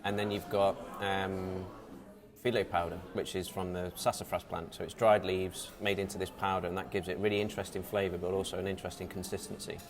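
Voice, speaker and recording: A man's voice: low-pitched, level tone, a little fast. A man co-hosting a casual food chat, explaining dishes and listing ingredients with many ums. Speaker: deli co-host.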